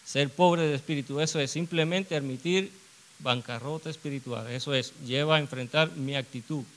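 A man's voice: a little high, normal speed, low-quality recording. A man preaching a sermon, earnest, asking rhetorical questions and repeating phrases for emphasis.

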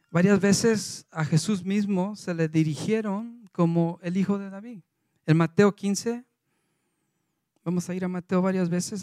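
Mellow-voiced man preaching a sermon. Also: sits high, dry recording, clean studio sound. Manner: reads scripture aloud, loose and conversational.

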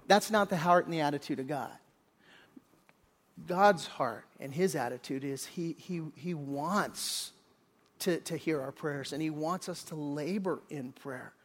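A man's voice: fairly high pitch, a little slow. An older man preaching a conversational sermon as pastor, folksy and full of restarts, often acting out the characters' lines. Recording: long reverb of a large hall.

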